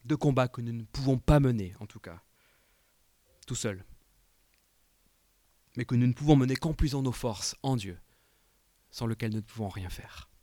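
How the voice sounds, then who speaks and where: Male preacher, mid-range voice, sermon delivery with emphatic climbs and hushed endings. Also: medium pitch, normal speed, pauses often, no echo. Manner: rising to emphatic peaks, then dropping quiet; asks the listeners direct questions. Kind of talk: evening sermon.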